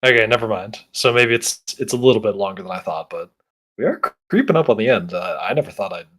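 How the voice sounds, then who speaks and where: A man running a tabletop game, narrating and chatting casually in halting, hesitant phrases. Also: fairly low pitch, animated, fairly bright tone, breathy edge. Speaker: game master.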